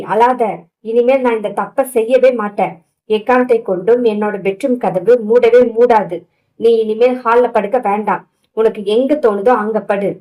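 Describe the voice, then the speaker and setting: A woman reading an audio novel, voicing a brusque but caring young husband in a gruff, scolding manner. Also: fairly high pitch, dark tone, natural voice, poor audio. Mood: soothing.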